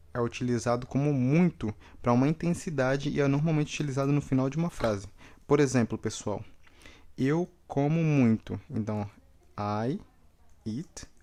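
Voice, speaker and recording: A man whose native language is Portuguese teaches English vocabulary unhurriedly and deliberately, his voice a little mellow at an ordinary middle pitch. He says each word several times in repetition drills and often pauses to make sure his students are following.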